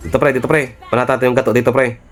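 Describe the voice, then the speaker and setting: A cocky young man commentates his own mobile match, barking repeated short calls at his team. He swears freely and mocks his rivals with smug boasts. His voice sits at an ordinary middle pitch. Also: flat delivery, very fast. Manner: brash trash talk, swearing, bossing teammates; repetitive calls, tag word after most phrases. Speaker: gaming streamer. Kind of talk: live mobile game commentary.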